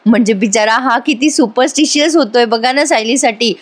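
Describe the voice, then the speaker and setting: A chatty woman narrates a TV serial episode over the pictures. She teases the characters, laughs often and talks straight to her viewers. Her voice sits a little high. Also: moderate pace. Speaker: serial reviewer.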